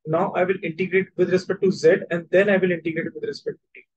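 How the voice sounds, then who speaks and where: High-voiced North Indian man teaching maths. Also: sing-song, quick pace, a little mellow, highs cut off. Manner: repetitive explaining, switching between languages, checking understanding. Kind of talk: online whiteboard lesson.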